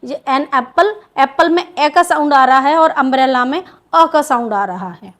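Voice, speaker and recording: A woman's voice: high-pitched, normal speed, a bit bright. A woman with an Indian accent teaching English grammar in a video lesson, asking questions and answering them herself.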